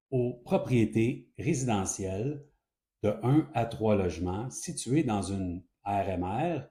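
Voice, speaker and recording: A man with a Quebec French accent calmly explaining rules step by step, as an advisor talking to viewers. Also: fairly low pitch. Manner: calm, methodical explaining. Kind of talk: explanatory talk to camera.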